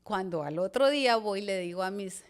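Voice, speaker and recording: A woman, a pastor telling a personal testimony on a podcast, a lively storyteller who voices the people in her story. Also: mid-range voice, normal speed.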